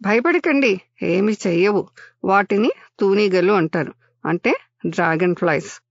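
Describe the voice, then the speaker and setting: A woman voicing a caring, calm grandfather who soothes and explains things to children. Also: mid-range voice, a little slow, no echo, lo-fi sound. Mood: reassuring.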